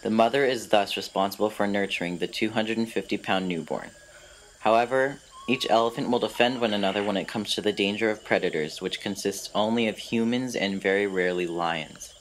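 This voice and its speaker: A man's voice: lowish voice, a little fast, slight background noise, rough recording. A man reads scripted documentary narration.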